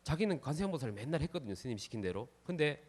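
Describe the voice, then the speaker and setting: A Buddhist monk preaching to his congregation at a quick clip, spinning a tale and slipping into the voices of its characters as he goes. His pitch sits in the middle of the male range, and he keeps the story moving without pausing. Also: big pitch swings, a little mellow. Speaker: Buddhist monk giving a dharma talk. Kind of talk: storytelling sermon.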